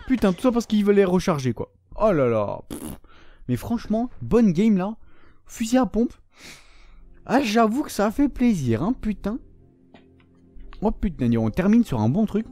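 A man commentating his own shooter gameplay, excitable and swearing often, shouting at opponents. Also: a little high. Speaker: gaming YouTuber.

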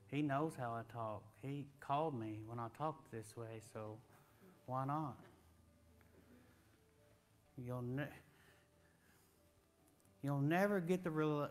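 A man, preaching a sermon in a folksy, conversational way with rising emphatic questions, in a church sanctuary on a lapel mic. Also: medium pitch. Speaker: guest preacher.

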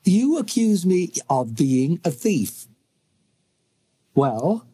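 A man's voice: on the high side, sing-song, drawn-out words, dark tone, breathy edge, dry recording, heavily acted. A man playing a sly, smug young man who talks with mocking amusement.

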